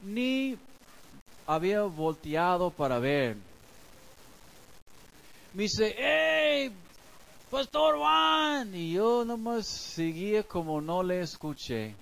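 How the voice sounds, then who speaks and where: A male pastor delivers a sermon with a noticeably high-pitched voice. He moves slowly and unhurriedly, breaking scripture down in a casual, conversational manner with everyday examples from the street. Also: animated, clean tone, poor audio.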